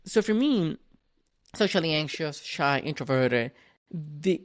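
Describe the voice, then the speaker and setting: A man's voice: a little high, animated, slow pace. Man telling his story. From Venezuela. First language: Spanish. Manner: frequent restarts and repeated words. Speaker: podcast guest. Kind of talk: casual reflective storytelling.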